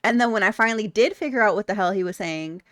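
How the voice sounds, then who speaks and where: A woman's voice: medium pitch, quick pace, no room sound, studio quality. A young woman streaming live, chatting candidly with her viewers, blunt and laughing often. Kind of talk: casual chat reading viewer comments.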